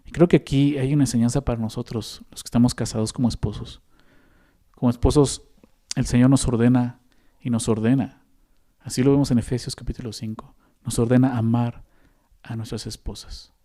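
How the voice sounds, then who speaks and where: A Mexican-accented man preaches a sermon in a conversational way. He keeps checking in with the listeners through quick tag questions. His voice is warm and mellow at a mid pitch. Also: steady tone. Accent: Mexican Spanish. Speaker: pastor.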